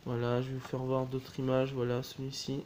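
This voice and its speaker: A man's voice: mid-range voice, completely flat delivery, fairly quick, a little mellow, a little hiss or hum. A man chatting casually as he shows a DVD box set, talking in a loose, hesitant way and often correcting himself. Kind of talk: casual unboxing chat.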